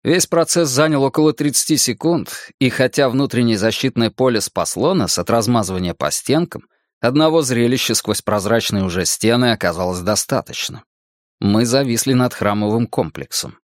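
Male narrator, mid pitch, dramatic first-person storytelling, very dry studio-like sound. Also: normal speed, dry recording. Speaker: audiobook narrator.

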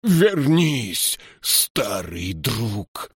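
A man reading the part of a gloating king in an audiobook, slow and drawn out. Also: lowish voice, very animated, breathy edge, dry recording, studio quality, pitched above the performer's own voice, full character voice. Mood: calling out.

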